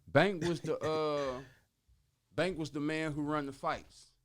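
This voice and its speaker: A man with a somewhat high voice tells a long story as a podcast guest. His talk is loose, slangy and full of cursing, and he keeps slipping into the voices of the people he quotes. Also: takes it slowly. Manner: animated, profane, slangy, acts out quoted voices. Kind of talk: casual storytelling.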